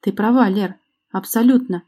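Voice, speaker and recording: A woman's voice: medium pitch, moderate pace, mellow, slightly rough, lightly acted. A woman reading an audiobook, voicing a bitter, confrontational man with a sarcastic, accusing manner.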